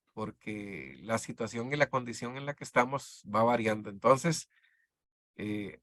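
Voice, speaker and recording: A man leading a Bible discipleship class, talking in a halting, conversational way with many fillers and restarts. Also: medium pitch, pushed and bright, no echo, studio quality. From Costa Rica. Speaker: discipleship teacher.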